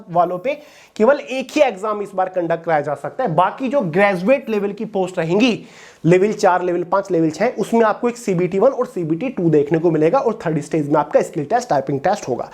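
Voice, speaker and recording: A woman's voice: mid-range voice, a little mellow. A woman explaining exam updates to students in a direct way, often checking in with her listeners. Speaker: exam coaching educator. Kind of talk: explanatory talk to exam aspirants.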